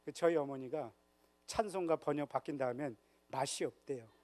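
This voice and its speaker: A man's voice: on the high side, normal speed, a little mellow, a little hiss or hum. A man giving a humorous church history lecture at a church retreat, joking and quizzing his audience. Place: church hall.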